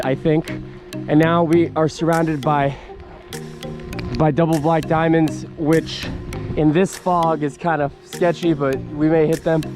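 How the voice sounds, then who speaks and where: An American man with a slightly high voice talks casually to camera like a frat-bro vlogger. His delivery is slangy and buddy-to-buddy, and music plays clearly under his voice. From United States, Northern Virginia. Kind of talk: casual snowboarding vlog chat to camera. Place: mostly outdoors on a rainy ski slope.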